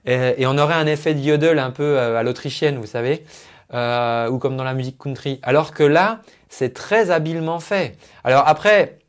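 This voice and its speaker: A man's voice: medium pitch, normal speed. A man working as a vocal coach, giving a chatty, explanatory spoken analysis of a singer's technique. He uses singing jargon and talks into his own microphone at a computer.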